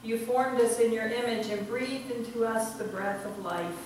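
An older woman pastor recites communion liturgy in measured, solemn phrases. Her delivery stays fairly level in pitch. The voice rings with a heavy cathedral echo and sounds distant from the mic, with clear noise around it. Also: fairly even intonation, a little mellow. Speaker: pastor leading a church service. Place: church sanctuary, indoors at the altar. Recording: very echoey church, distant mic, background noise.

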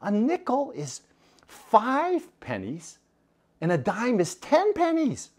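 A man's voice: very high voice, huge pitch swings, slow pace, a little mellow, husky, voice pushed up, heavily acted. A man voicing a wise, sly four-year-old girl in an eager, sing-song way.

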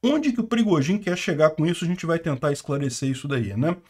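A man's voice: a little high, lively intonation, a little fast. A man from Brazil hosting a news commentary on the war, talking informally and with strong opinions, often ending sentences with a questioning tag. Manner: informal, opinionated, frequent "né?" tags. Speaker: host of a war news channel. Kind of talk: news commentary over a map.

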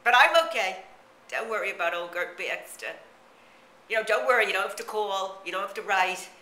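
A man playing a gossipy old woman in a retirement home, chatty and rambling, with a drawn-out, wobbly voice. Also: high-pitched, lively intonation, bright, forceful tone, a little hiss or hum, heavily acted. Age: older. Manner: chatty, rambling, full of "you know" and cackling asides. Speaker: comic character monologue. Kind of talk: character comedy monologue to camera. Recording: roomy echo.

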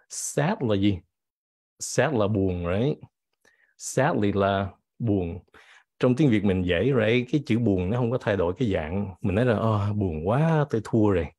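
A man teaching English vocabulary in a bilingual lesson, with a cold that makes him clear his throat, reading example sentences slowly. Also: fairly low pitch, a little mellow, dry recording, studio quality. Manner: switches between English and Vietnamese, reads example sentences slowly.

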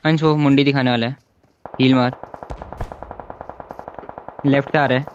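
Streaming a battle royale game as squad leader, a man calls out urgent, repeated commands to his teammates during live play. His medium-pitched, clean voice stays steady and measured, though the lo-fi audio carries loud gunfire beneath it.

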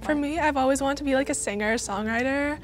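Young woman with a high sweet voice. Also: fast. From California. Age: young adult. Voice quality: high, princess-like voice.

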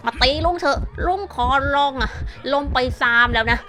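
A woman's voice: high voice, normal speed, bright, forceful tone. A woman voicing a silly, pleading old male cowboy uncle during playful game commentary, tossing in English phrases. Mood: begging.

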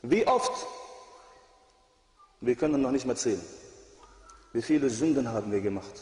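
A man's voice: medium pitch, warm tone. A man preaching a sermon in an earnest, exhorting manner, recorded with echoey hall reverb.

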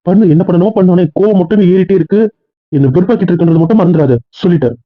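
Brief: a man as a jealous, hot-tempered young husband, husky and fast-talking, heard over a tinny phone line. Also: high-pitched. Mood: angry. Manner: demanding and quick, nagging.

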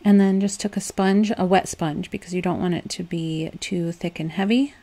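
Her voice lowish and steady at a moderate pace, a young woman vlogger talks viewers through a DIY home decor craft project. The voice-over stays chatty and upbeat, sprinkled with soft laughs and loose restarts.

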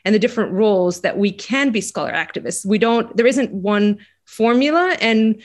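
A woman's voice: mid-range voice, moderate pace. A woman, speaking casually on a panel, with frequent fillers and restarts. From Greece. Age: 40s. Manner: conversational, many "you know" fillers and restarts. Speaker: panelist, center executive director. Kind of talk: panel discussion.

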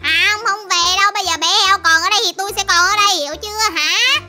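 A woman voicing a stubborn, soft-hearted young girl who protects a piglet in a game role-play. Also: very high voice, quick pace, soft background music, exaggerated voice. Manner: stubborn, pleading.

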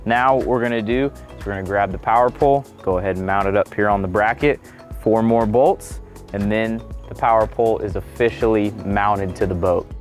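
A man's voice: on the low side, brisk. A man in his thirties, the channel host, casually explaining a boat install outdoors to his viewers. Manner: upbeat, relaxed explaining to viewers. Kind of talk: casual how-to vlog. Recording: faint music underneath.

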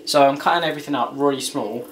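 This young man speaks fast in a medium-pitched, slightly bright voice, casually and cheekily narrating a cooking vlog from a small indoor kitchen. The recording is low quality, made with a home camera mic a short distance away that picks up clear background noise.

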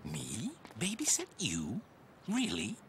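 An actor playing a gentle, obliging older man, a kindly babysitting neighbour in a children's cartoon. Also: on the high side, wildly swooping pitch, measured pace, heavy background noise. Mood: surprised, obliging. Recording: music bed under the voice.

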